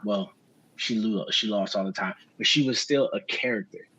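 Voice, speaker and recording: A man's voice: on the low side, moderate pace, bright, forceful tone, husky, low-quality recording. A man co-hosting a podcast, talking wrestling in a casual, slangy way and swearing freely. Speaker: podcast co-host.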